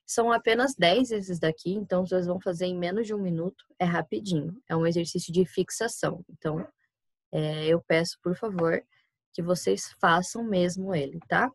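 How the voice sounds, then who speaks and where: A woman's voice: on the low side, moderate pace, dry recording. Patient Brazilian woman teaching a class. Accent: Brazilian Portuguese. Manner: patient, explains step by step, often checks with "tá?". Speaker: Spanish teacher. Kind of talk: recorded online class.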